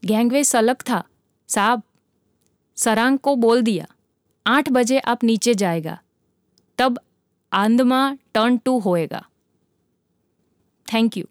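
A woman's voice: on the high side, slow, pauses often, smooth, dry recording, studio quality. A woman voicing a deferential male ship's helmsman who gives clipped, respectful reports in a storybook reading. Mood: dutiful.

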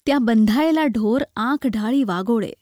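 A woman reading a literary short story aloud in a measured, expressive way. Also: a little high, dry recording, studio quality. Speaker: narrator.

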